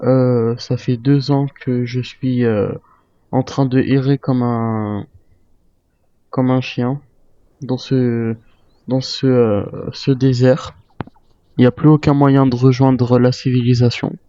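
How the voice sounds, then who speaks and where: In a hesitant, improvised survival-game roleplay, a man speaks to himself as a tired retired soldier. His medium-pitched voice is slow and mellow with a flat delivery, heard through a dull, roomy microphone.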